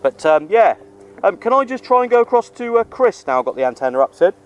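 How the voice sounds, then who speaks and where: An amateur radio operator and vlogger talks fast in a high voice with big pitch swings, chatting casually on a hill outdoors. His informal, matey slang sounds like a radio hobbyist's vlog, with clear outdoor background noise.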